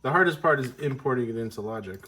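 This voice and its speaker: Congested male music teacher, mid-pitched, loose and rambling delivery. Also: lively intonation, quick pace, pushed and bright. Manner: rambling, self-correcting, with frequent ums. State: congested from a cold. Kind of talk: casual explanatory lesson.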